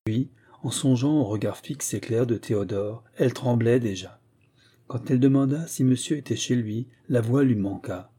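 Dark, husky male narrator. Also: medium pitch, moderate pace. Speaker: audiobook narrator. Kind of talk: scripted literary narration.

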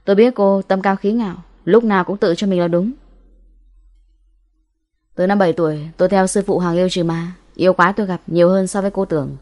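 A commanding young male demon hunter from a ghost audiobook, acted by a woman. He speaks sternly, in forceful scolding orders. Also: fairly low pitch, fairly even intonation, fast talker, natural voice.

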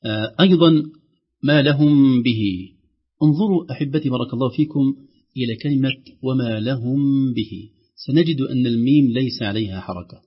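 A man teaching Quran recitation rules on a call-in show, explaining each rule and then reciting the examples slowly and drawn out. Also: mid-range voice, husky. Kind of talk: tajweed lesson on a call-in show. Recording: dull lo-fi broadcast sound.

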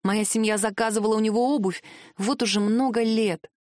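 A woman reads a novel in the first person, measured and steady. Her voice sits fairly high for a woman. The recording is dry and close, with no room sound. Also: no room sound. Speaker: audiobook narrator. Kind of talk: scripted first-person narration.

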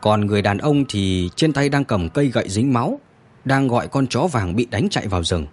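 Male storyteller, husky tone, lively expressive pitch for dramatic narration. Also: a little fast.

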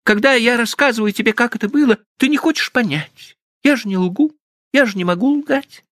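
A man's voice: a little fast, fairly bright tone, no echo, clean studio sound. Man putting on a tearful young woman. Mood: reproachful. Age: young adult. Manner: high plaintive pleading falsetto.

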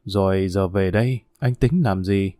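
A man's voice: low-pitched, unhurried, mellow, no room sound, clean studio sound, pitched below the performer's own voice. A man voicing a weary old grandmother. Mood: sorrowful. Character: weary old grandmother, stern yet tender. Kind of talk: audiobook character voice.

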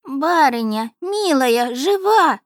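Woman doing shrill wailing little house spirit. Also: expressive, a little slow, no room sound, clean studio sound. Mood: fussing. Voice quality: high, shrill and loud. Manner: wailing, scolding, lamenting. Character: small wailing male house spirit, self-pitying.

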